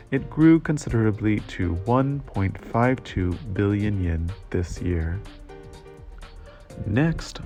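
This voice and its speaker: A man reading a company's financial results aloud as an interpreter's translation voice-over, in a measured, formal delivery. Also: fairly low pitch, mellow.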